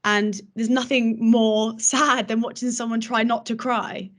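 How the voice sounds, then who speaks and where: A woman with a slightly high voice, an actress appearing as a podcast guest. She talks about films and acting with earnest enthusiasm. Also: flat delivery, measured pace, a bit bright. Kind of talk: casual film chat.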